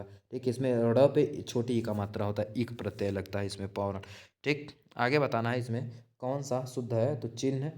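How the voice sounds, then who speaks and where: A man explains quiz answers one after another in a plain, mid-pitched voice. He repeats each term and checks in with the listener as he goes. He often breaks off mid-word to correct himself. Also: mellow. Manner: repetitive, checks in with "theek hai". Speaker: exam-prep teacher.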